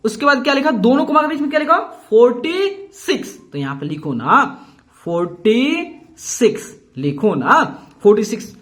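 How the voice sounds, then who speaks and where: A man's voice: very high-pitched, sing-song, normal speed, fairly bright tone. A man teaching a math lesson to students. He talks in a coaxing, encouraging way and keeps repeating himself to prompt them. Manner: coaxing and repetitive, calls the viewer "bhai" and "dost"; upbeat and encouraging. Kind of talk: classroom lesson explaining to students.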